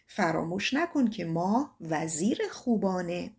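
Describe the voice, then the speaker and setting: A woman voicing the sun in a folk tale, giving gentle advice in a lowered voice. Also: lively intonation. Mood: advising. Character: radiant sun guiding a lovesick shepherd.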